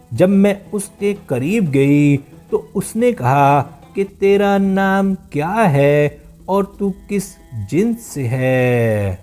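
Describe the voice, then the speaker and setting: A man voicing a frightened female duck telling her tale in a measured storybook reading that slows at sentence ends. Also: high voice, darkish tone, lightly acted. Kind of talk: storybook narration.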